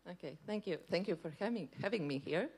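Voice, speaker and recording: A woman in her thirties from Latvia, speaking as a panelist on a conference stage into a handheld mic, polite and measured with some hesitations. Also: on the low side, animated, darkish tone, slightly rough. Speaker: panelist, circular economy expert. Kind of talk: panel remarks.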